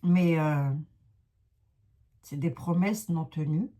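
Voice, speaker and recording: Her voice is low and dark, and she speaks at a slow pace. She's a psychic card reader with a Lorraine French accent, reading tarot chattily and self-mockingly to viewers on a casual livestream.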